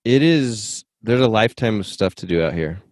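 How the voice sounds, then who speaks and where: A man's voice: on the low side, lively intonation, normal speed, a little hiss or hum. A man hosting a podcast in casual chat, telling stories in an easygoing, slangy way. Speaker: podcast host.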